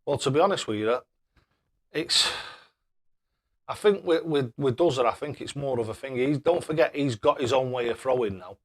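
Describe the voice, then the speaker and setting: A man's voice: mid-range voice, expressive, normal speed. A man chatting casually on a live stream as he plays darts, matey and self-deprecating.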